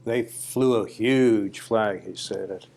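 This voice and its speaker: A man's voice: lowish voice, measured pace, gravelly, darkish tone. An older man interviewing someone casually, folksy, asking short questions and repeating answers back.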